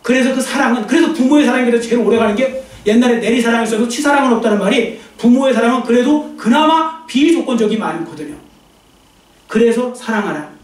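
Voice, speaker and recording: High-voiced pastor preaching in an echoing church. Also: male voice, quick pace, recorded from a distance. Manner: animated storytelling, acting out quoted voices. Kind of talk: sermon. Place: church sanctuary. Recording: roomy church sound from off-mic.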